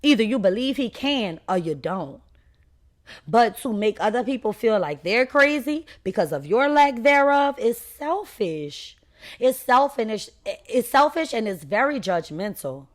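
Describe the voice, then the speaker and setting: A woman's voice: a little high, big pitch swings, unhurried. A woman hosting a faith podcast, talking unscripted and emphatically, and addressing listeners directly as y'all in a preachy tone. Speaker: podcast host.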